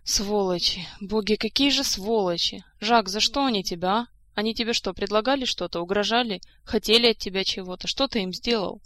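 Женщина читает за отчаявшегося короля. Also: female voice, medium pitch, fairly quick, hardly any pauses, fairly bright tone, no echo, close to an everyday voice. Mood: indignant. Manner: weary, bitter, speaks in long outpourings. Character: grieving despairing adult male king.

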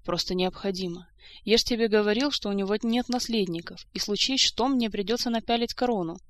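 A woman's voice: mid-range voice, brisk, dry recording, natural voice. A woman reading as a plain-spoken young nobleman, heir to a throne, grumbling about his cousin. The voice is dry and close, with no room around it.

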